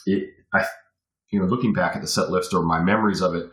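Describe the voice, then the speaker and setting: Reminiscing casually on a podcast as a guest, an American man in his forties from Virginia rambles, punctuating his talk with "you know." He talks fast in a low-pitched, slightly bright voice with a steady tone. The recording has a roomy, echoey sound.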